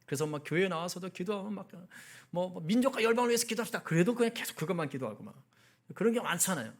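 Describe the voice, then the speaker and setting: A male pastor preaches to his prayer meeting in a notably high voice. He talks in a chatty way, puts questions to the congregation and acts out heated outbursts to make his points. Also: lively intonation, fast. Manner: conversational, asks the congregation questions; acts out angry outbursts in quoted speech. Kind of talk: sermon at a midweek prayer meeting.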